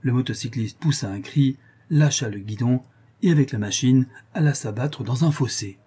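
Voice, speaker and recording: Husky, dark-voiced male narrator. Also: mid-range voice, moderate pace. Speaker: audiobook narrator. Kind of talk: scripted narration.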